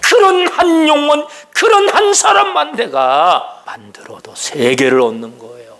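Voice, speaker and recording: A man preaching a sermon as pastor, firing questions at the congregation and dropping into hushed whispers for emphasis. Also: very high voice, animated, a little slow.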